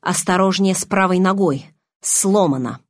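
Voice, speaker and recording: Audiobook: woman voicing a steady middle-aged doctor, quiet and in control. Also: medium pitch, moderate pace, dry recording, clean studio sound, lightly acted. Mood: calm. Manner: calm, level, commanding. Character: calm composed middle-aged male doctor. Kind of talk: audiobook reading.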